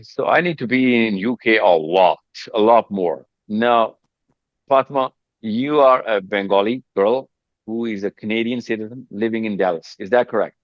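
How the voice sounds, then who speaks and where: A man leading a video call meeting, coaching his team in an emphatic, animated way and calling people "buddy". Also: fairly low pitch, normal speed, no room sound, muffled recording. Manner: emphatic, calls people buddy, repeats words.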